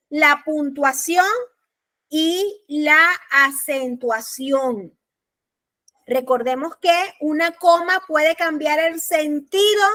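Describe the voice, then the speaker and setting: A woman with a Panamanian Spanish accent teaching a law class, speaking deliberately and repeating her key points. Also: sits high, fairly bright tone. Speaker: law lecturer. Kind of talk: recorded class lecture.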